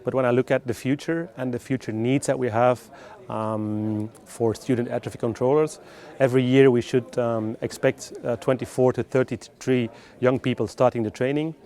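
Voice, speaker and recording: In an interview, a male recruitment specialist explains things in non-native English, his phrasing measured and hesitant. His dark-toned voice sits at medium pitch with fairly even intonation.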